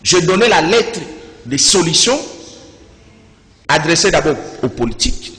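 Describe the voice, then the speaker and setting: A man with a Congolese accent, a religious speaker in a debate, preaching with fiery declaiming that rises to shouts. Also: fairly high pitch, sing-song, measured pace. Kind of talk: impassioned preaching in an interview. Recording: echoey reverberant room.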